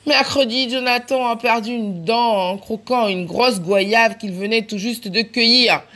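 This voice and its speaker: A woman reading a children's picture book aloud for a library, acting out laughs and cries as she goes. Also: on the high side. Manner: animated, acts out laughs and cries. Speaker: library storyteller.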